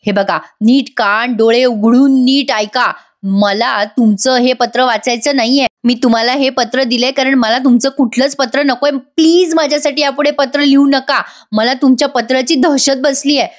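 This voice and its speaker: A woman's voice: sits high, fairly even intonation, moderate pace, few pauses, close to an everyday voice. A woman voicing a hurt and angry young wife who speaks sharply and reproachfully.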